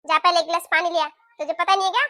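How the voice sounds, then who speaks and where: A woman voicing a sharp-tongued, nagging middle-aged mother-in-law in a cartoon, talking in a scolding, taunting way. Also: very high-pitched, steady tone, fast, dry recording, clean studio sound. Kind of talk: cartoon voice acting.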